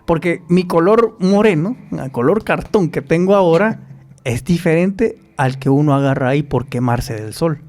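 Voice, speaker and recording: As a podcast guest, a man with a fairly high pitch tells stories at a moderate pace. He animates them by performing the voices of the people he quotes.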